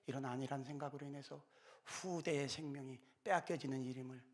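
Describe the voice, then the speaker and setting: A man's voice: mid-range voice, steady tone, quick pace. A man in his fifties giving an impassioned church talk, pleading with urgent fervor. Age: 50s. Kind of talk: impassioned exhortation.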